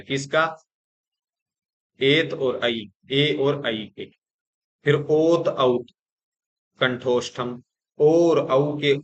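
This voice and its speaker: A man's voice: mid-range voice, a bit bright. A man teaching an exam-prep Sanskrit grammar lesson in Hindi. He recites the rules, explains them step by step and keeps checking in with the class. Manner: explains step by step, often saying 'theek hai' to check in.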